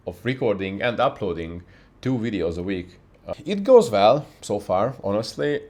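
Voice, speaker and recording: A young YouTube creator with a deep voice, whose first language isn't English, delivers an unscripted talking-head vlog earnestly to camera. He often restarts his sentences and uses non-native phrasing. He's in a dark home studio with a softbox, recorded on a camera mic facing him.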